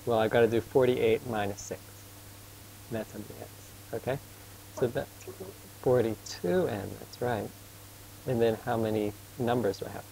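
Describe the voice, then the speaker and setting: Speaking in a gravelly yet mellow mid-range voice, a man casually and patiently tutors a student in math. He keeps asking the student questions as he works and acknowledges he talks fast, and the poor audio has some slight background noise.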